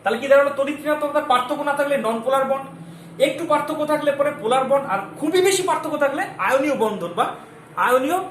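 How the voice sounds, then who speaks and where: A male chemistry teacher giving a lesson, constantly quizzing his students and repeating key terms slowly so they stick. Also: very high-pitched, fairly bright tone, a little hiss or hum. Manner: keeps asking the class questions and checking they follow. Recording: echoey room with faint ambience.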